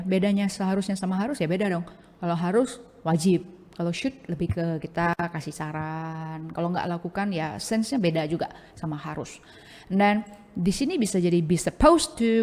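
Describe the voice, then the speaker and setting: A woman's voice: on the low side, darkish tone. A woman with an Indonesian accent teaching English grammar in a casual, chatty way, sprinkling English into her explanations with many fillers like oke and ya. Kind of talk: casual bilingual grammar lesson. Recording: long hall-like reverb.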